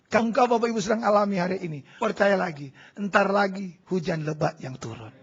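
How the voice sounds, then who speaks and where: A man preaching a charismatic sermon. His voice sits very high and sounds breathy and husky. He swings from shouted exhortation to hushed low prayer, on a dull lo-fi church recording. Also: fast talker. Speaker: pastor. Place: large church hall.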